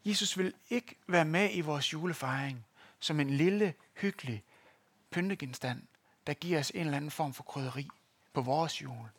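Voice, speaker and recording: In a church, a man preaches to the congregation, telling stories, speaking to listeners directly, and giving a live demonstration during the sermon. His voice is a little high and a bit bright with a breathy edge, and the recording is dry.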